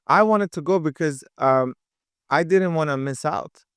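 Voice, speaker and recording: Here a young Dubai entrepreneur appears as a podcast guest, his crisp voice sitting a little high. Lively and fast, he keeps restarting and using fillers in the casual interview chat. The sound is dry and studio-clean.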